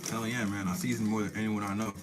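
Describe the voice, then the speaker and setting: A man's voice: fairly low pitch, level tone, fast talker. A young man chatting casually on a livestream, slangy and self-mocking, talking while he eats snacks. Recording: loud music behind. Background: loud music.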